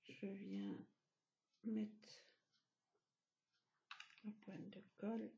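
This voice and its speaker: A woman narrating a craft tutorial, explaining each step gently with soft asides. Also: mid-range voice, steady tone, extremely slow, gravelly, roomy sound, slight background noise. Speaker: craft video host. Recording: dull lo-fi home recording.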